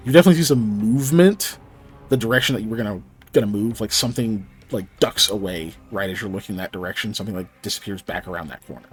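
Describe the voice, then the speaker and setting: A man casually narrating a tabletop game as game master, explaining things in hesitant, broken-up phrases. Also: on the low side.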